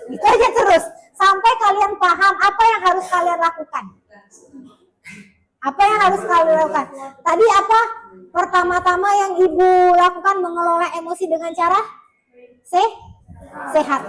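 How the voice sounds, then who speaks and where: A woman's voice: very high voice, sharp tone, poor audio. A woman teacher leading a classroom lesson, often asking her students questions.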